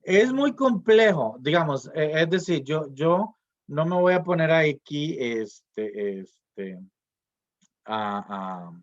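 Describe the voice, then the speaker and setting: A man's voice: mid-range voice, highs cut off. A man giving a recorded online class, hesitant, with many fillers and restarts and rhetorical questions. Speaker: lecturer.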